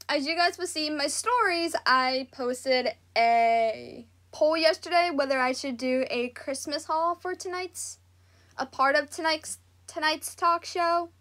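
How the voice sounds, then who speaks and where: A Southwest Florida woman in her late thirties, with a Southern accent and a high, fairly bright voice, hosts a casual livestream talk show. Chatting with live chat viewers, she rambles and giggles, laughing often and using lots of fillers.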